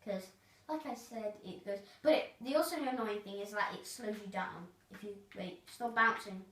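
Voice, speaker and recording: Here a gamer walks listeners through her video game world in a rambling, hesitant way, leaning heavily on fillers. Her voice sits in the mid range with a fairly bright tone, and she talks at normal speed. The mic is distant, the room audible, and there's a little background noise.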